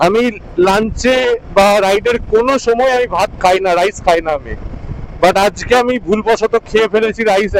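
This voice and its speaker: A man's voice: high voice, a little hiss or hum, poor audio. A man narrating a casual motorcycle travel vlog while riding, chatty and coaching his pillion with short repeated instructions. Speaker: motovlogger. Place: outdoors on a motorbike on the highway.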